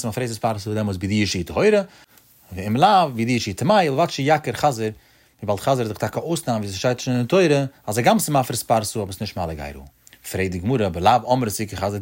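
Man, religious teacher, law lesson, sing-song study cadence, rhetorical questions, mid-pitched voice. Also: darkish tone.

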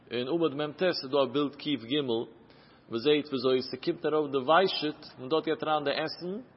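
Male Torah teacher, Yiddish-inflected accent, slightly high husky voice, lo-fi hall recording. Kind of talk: Talmud lesson. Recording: muffled, echoey lo-fi hall recording.

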